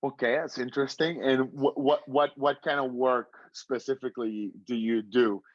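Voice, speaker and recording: A man's voice: medium pitch, fairly even intonation, moderate pace, no room sound. Man hosting an interview, dry dull sound. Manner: asks long, winding questions. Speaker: interviewer and show host. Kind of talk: casual interview.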